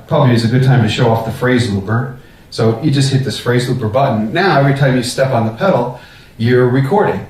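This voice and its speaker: This easygoing, mid-pitched product demonstrator talks through his gear as he goes, stumbling into fillers and restarts. Recorded through a distant open vocal mic in a reverberant room, the audio is roomy with a slight hum.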